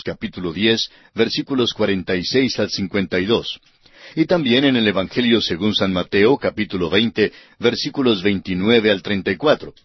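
Husky-voiced man teaching a radio Bible study. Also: lowish voice, dry recording, muffled recording. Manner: earnest, addresses the listener directly.

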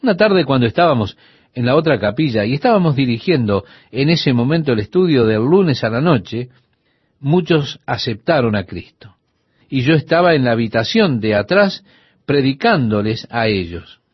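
A man's voice: medium pitch, normal speed, breathy edge, dry recording, muffled recording. A man teaching the Bible for radio listeners, telling a story and voicing the people in it. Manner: lively storytelling, voicing the people in his anecdote.

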